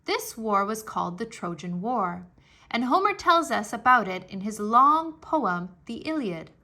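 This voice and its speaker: Speaking at an unhurried pace in a fairly high voice, a woman narrates a children's history book with storybook expressiveness. She enunciates crisply and puts weight on dramatic words.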